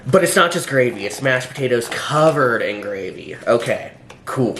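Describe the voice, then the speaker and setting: A man's voice: mid-range voice, lively intonation, normal speed, a bit bright. A hungover man giving a casual, unscripted food review in a rambling, hesitant, dryly sardonic way, full of filler words. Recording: roomy echo, faint background noise.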